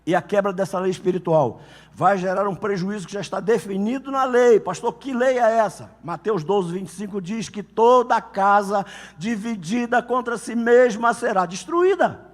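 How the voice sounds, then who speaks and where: A man preaching a sermon as a pastor, telling animated stories and acting out couples' quarrels. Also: high voice, moderate pace, long reverb tail.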